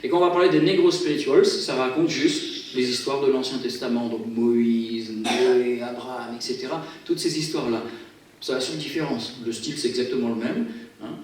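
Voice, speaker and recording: A man's voice: medium pitch, fairly even intonation, moderate pace. A chatty man talks to a church gathering, stumbling and repeating words as he goes. His voice is far from the mic and rings through a very echoey hall, with faint noise behind it. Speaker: guest singer at a church. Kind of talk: casual spoken introduction to a song.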